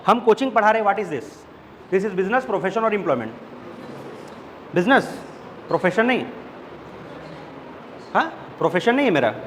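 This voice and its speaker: A male teacher giving a classroom lecture, mixing Hindi with English terms and asking questions he answers himself. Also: high-pitched. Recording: long reverb, faint background noise.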